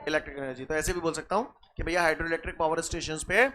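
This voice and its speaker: Lively high-voiced man teaching physics. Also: racing, slight background noise. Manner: lively, quizzes students with rhetorical questions. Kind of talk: classroom lecture.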